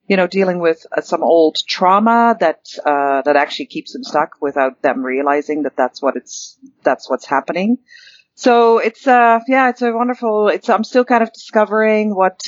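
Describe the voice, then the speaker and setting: A woman's voice: on the low side, no echo, muffled recording. A woman in her fifties from the Netherlands, a guest in a casual interview, talking in a rambling way with many ums and restarts. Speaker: guest, networking chapter director.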